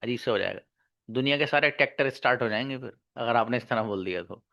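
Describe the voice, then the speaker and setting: A man teaching pronunciation in an online class, drawing out and repeating each sound slowly. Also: mid-range voice, gravelly, pushed and bright. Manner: slow, drawn-out demonstration of sounds, repeating each. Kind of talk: pronunciation lesson in Hindi and English.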